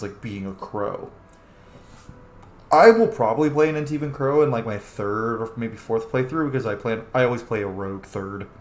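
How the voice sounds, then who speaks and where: A man hosts a game playthrough, commenting in a casual, opinionated and informal style with plenty of swearing. His voice is on the low side, recorded in an echoey room with a little hiss or hum.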